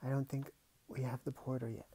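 A man's voice: mid-range voice, little pitch movement, a little fast, mellow, slightly rough. A man reading a novel aloud at home, breaking off for casual remarks to himself. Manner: casual asides to himself between passages. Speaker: audiobook reader.

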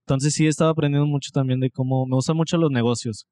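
A young man from Monterrey, talking at an easy middle pitch. He rambles casually and pokes fun at himself as a podcast co-host. His voice is close and dry, with no room sound. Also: very fast, no echo. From Mexico (Monterrey). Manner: relaxed, rambling, self-deprecating. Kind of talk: casual chat.

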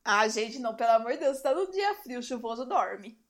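A woman's voice: on the high side, animated, moderate pace. A young woman co-hosting a casual podcast, playful and laughing often. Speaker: podcast co-host.

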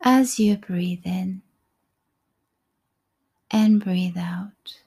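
Woman doing a breathing meditation, super slow and soft, breathy with lots of creak. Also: fairly low pitch. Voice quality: soft, breathy, often near a whisper. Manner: calm, soothing, unhurried short phrases with pauses. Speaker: meditation guide.

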